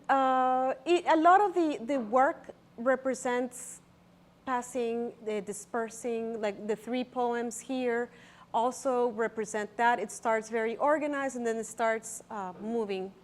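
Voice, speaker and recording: A woman from El Salvador with a high-pitched voice gives an informal gallery talk about her own exhibition. She explains her artworks to visitors haltingly and nervously, often searching for words.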